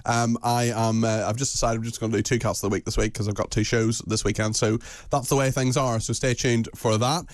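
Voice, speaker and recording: A man's voice: mid-range voice, flat delivery, a little fast, few pauses. A young British man hosts breakfast radio from a studio. He talks in a chatty, playful way, often restarting his sentences mid-thought. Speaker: radio presenter.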